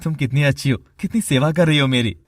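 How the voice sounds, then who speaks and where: A woman voicing a gentle, grateful young husband in a cartoon story, speaking softly and appreciatively. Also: extremely low pitch, quick pace, dry recording, clean studio sound, pitched below the performer's own voice.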